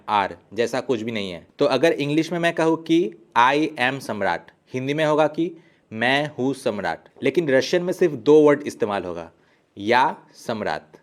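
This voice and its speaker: A man teaching an online language lesson, explaining step by step and slowly drawing out example words to model their pronunciation. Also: medium pitch.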